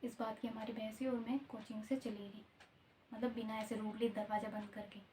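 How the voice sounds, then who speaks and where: Young woman, mellow voice, flat delivery. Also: a little high, brisk, slight background noise, low-quality recording. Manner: recounting with quoted back-and-forth dialogue. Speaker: vlogger. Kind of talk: personal story told to viewers.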